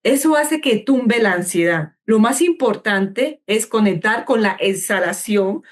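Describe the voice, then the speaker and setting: A woman clinical psychologist talking through parenting advice in an interview. Her delivery is calm and measured, and she draws words out slowly to model a breath. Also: medium pitch. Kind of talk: calm explanatory interview talk.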